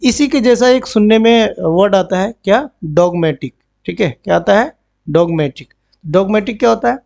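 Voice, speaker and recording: Gravelly, high-pitched male teacher. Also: expressive, normal speed, a little mellow, muffled recording. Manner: repeats words and asks "understood?" often. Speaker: banking exam vocabulary teacher. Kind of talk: Hindi-English classroom explanation.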